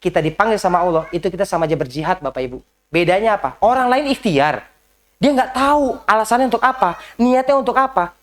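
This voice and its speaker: A man with a high voice talks fast as he coaches a group on business at an indoor session in a house. He is lively, speaks straight to his listeners with rhetorical questions, and drops English business phrases into the talk.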